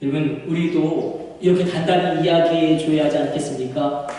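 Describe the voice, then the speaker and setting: A male pastor preaching a sermon with passion, moving from hushed lines to shouted exhortations. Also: a little high, steady tone, moderate pace. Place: church sanctuary. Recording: echoey church hall, distant mic.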